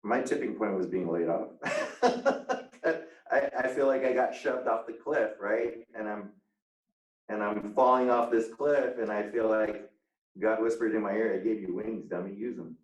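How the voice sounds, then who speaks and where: A man with a very low voice talks through his business over a video call. He stops and restarts a lot and fills pauses with ums. The sound is roomy and a little distant from the mic. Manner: halting, many fillers and restarts. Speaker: real estate agent, interviewee. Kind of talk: casual video call interview.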